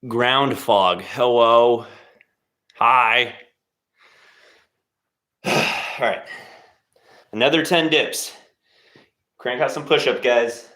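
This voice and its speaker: A man's voice: medium pitch, very slow, long pauses, sharp tone. A man hosting a casual live stream as he works out at home. He rambles and jokes while cheering on his viewers. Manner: laid-back, rambling, jokey encouragement. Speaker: livestream host leading a workout. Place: home workout space. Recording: roomy echo.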